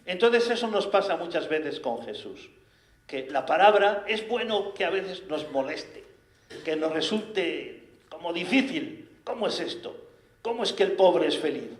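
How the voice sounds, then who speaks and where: A man with a Spanish accent preaching a sermon, animated and full of rhetorical questions. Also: high voice, unhurried. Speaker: priest. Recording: echoey room.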